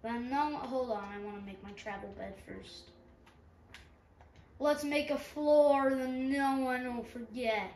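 A gaming channel host with a stuffy nose gives rambling, self-mocking let's-play commentary, her high-pitched, slightly mellow voice taking things slowly. The recording is roomy, with a distant mic and faint background hum.

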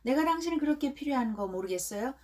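A woman teaching English pop song lyrics, slowly modeling phrases and explaining them quickly. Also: sits high, lively intonation.

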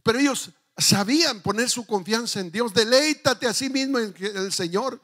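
A man's voice: very high voice, moderate pace, fairly bright tone. A male pastor preaching a fervent church sermon, calling out to the congregation.

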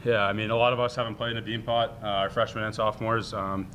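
A man's voice: on the low side, flat delivery, quick pace, fairly bright tone, slight background noise. A young man from the Boston area, a college hockey player answering questions at a postgame press conference in a casual way. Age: young adult.

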